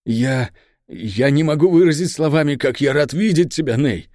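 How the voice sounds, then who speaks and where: A man's voice: fairly high pitch, expressive, normal speed, a little mellow, no echo, clean studio sound, voice pushed up, natural voice. A man reading an audiobook voices a guilt-ridden, obsessive man who pleads emotionally. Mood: elated. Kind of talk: audiobook character voice.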